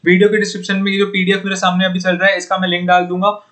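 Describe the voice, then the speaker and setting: A young man explains puzzles to students in an easygoing, friendly lesson. His voice sits high and sounds bright and forward. He keeps a fairly steady, level melody. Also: very fast. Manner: chatty, upbeat, calls viewers "bhaiya" and "yaar". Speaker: online exam-prep tutor. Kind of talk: informal Hindi lesson solving puzzles.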